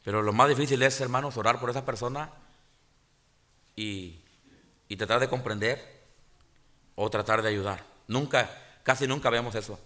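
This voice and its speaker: A pastor, preaching a sermon in church, often pausing to restart and calling out "hermanos". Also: male voice, medium pitch, sharp tone. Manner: halting restarts and filler sounds. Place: church sanctuary.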